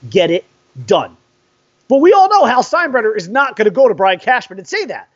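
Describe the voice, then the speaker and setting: A man's voice: very high voice, big pitch swings, fast, dry recording. A man hosting a sports podcast, ranting in an exasperated, profane, fired-up way. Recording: dry, dull lo-fi sound.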